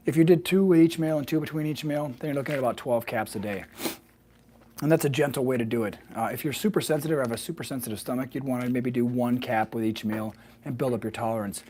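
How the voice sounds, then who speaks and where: Slightly hoarse, fast-talking man explaining health. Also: mid-range voice, dark tone, slight background noise. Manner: fluent, explanatory, often checks with "right?" and "okay?". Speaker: health practitioner hosting a weekly wellness video. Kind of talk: informal explainer to camera, live stream.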